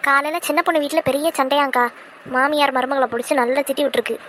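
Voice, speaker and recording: A woman's voice: sits high, fairly even intonation, fast talker, fairly bright tone, slight background noise. A woman voicing an eager village neighbour in a cartoon, passing on gossip.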